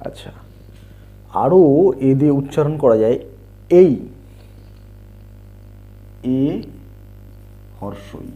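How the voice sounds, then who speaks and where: A man teaching English letter sounds, spelling words out and repeating the sounds slowly. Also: medium pitch, expressive, dark tone. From India. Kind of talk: slow explanatory lesson. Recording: dull lo-fi home recording.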